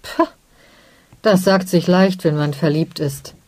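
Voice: medium pitch, steady tone, takes it slowly, darkish tone, no room sound, natural voice. A reader voicing a blunt, worldly older merchant who scolds his daughter. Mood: dismissive.

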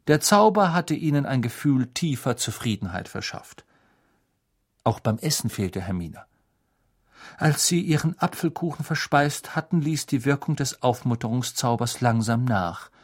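A man narrating an audiobook in a steady, even storytelling manner. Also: mid-range voice, a little slow. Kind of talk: scripted narration.

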